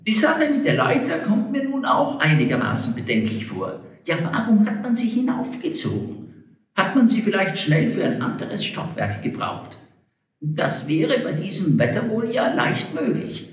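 A man doing a calm, wry old frontiersman. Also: high-pitched, normal speed, voice pushed up. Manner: calm, dryly humorous. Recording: roomy echo.

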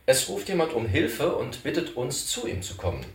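A man doing a steady frontier scout. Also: medium pitch, normal speed, voice pushed up. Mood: assured. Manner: steady, reassuring. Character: calm, confident male frontier scout. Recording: roomy, distant mic.

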